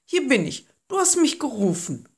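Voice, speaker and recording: A woman's voice: sits high, big pitch swings, moderate pace, pitched above the performer's own voice. A woman reading as an eager young temple boy.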